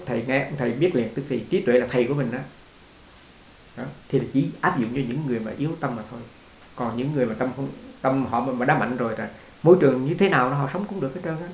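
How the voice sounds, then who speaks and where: A man teaching as a Buddhist teacher in a conversational dharma talk, repeating words and laughing along with his listeners. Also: mid-range voice. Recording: echoey room.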